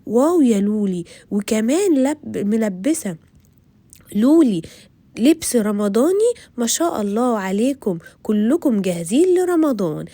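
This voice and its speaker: Egyptian lady playing a happy dad, admiring, mellow tone. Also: a little high, sing-song, normal speed, dry recording. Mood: pleased. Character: pleased Egyptian father.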